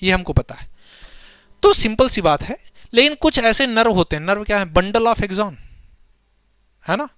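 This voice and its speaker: A man teaches biology for exam prep in a high, clear, smooth voice. He keeps asking the class questions and answering them himself, with memory tricks along the way. The recording is dry and close, with no room sound. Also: lively intonation, measured pace, long pauses, fairly bright tone, no room sound. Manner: chatty, asks students questions then answers them, uses memory tricks.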